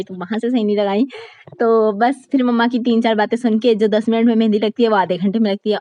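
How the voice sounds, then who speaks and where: A young woman with a Karachi Urdu accent, narrating a casual vlog in a fast, chatty way and laughing often. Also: fairly high pitch, mellow, no echo, lo-fi sound. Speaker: vlogger.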